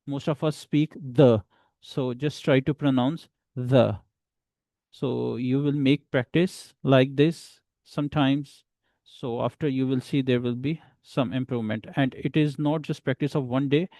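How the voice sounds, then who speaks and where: A man teaching a beginner English lesson, drilling words and numbers slowly and repeating them. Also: medium pitch, mellow, dry recording.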